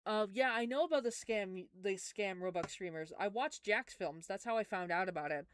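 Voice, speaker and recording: A woman's voice: mid-range voice, normal speed, no echo. A young woman chatting casually on a live stream, answering chat in a rambling way with lots of fillers.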